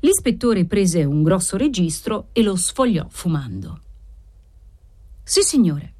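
A woman with a low-pitched voice reads a classic novel aloud. Her narration is measured and expressive, giving each scene room to breathe. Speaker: audiobook reader.

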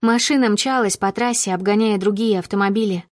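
A woman narrating a first-person audiobook with steady storytelling that rises with emotion in dialogue. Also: mid-range voice, fairly quick, no room sound, clean studio sound.

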